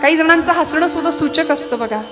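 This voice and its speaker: High-voiced woman kirtan storyteller. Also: a little fast. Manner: lively, conversational, rhetorical questions to the audience. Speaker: kirtan performer. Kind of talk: devotional kirtan storytelling with song. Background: devotional music.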